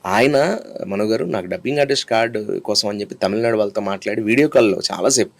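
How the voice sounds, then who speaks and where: A man speaking in a casual interview, telling stories in an animated, lively way that rises to loud bursts. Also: fairly low pitch, quick pace, creaky, no room sound. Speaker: actor and comedian.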